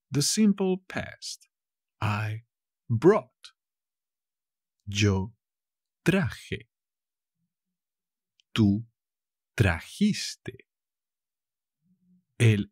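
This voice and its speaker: A man with a Castilian Spanish accent teaching verbs slowly, with playful asides. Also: fairly low pitch, breathy edge, no room sound, studio quality. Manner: slow and drawn-out, playful asides. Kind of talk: slow language lesson, switching Spanish and English.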